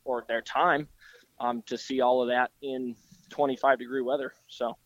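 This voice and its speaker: Hoarse man with a flat voice. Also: mid-range voice, normal speed, dry recording. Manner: relaxed and agreeable, with many fillers. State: hoarse from yelling. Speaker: podcast co-host. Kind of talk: casual sports podcast chat. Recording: slightly dull lo-fi sound.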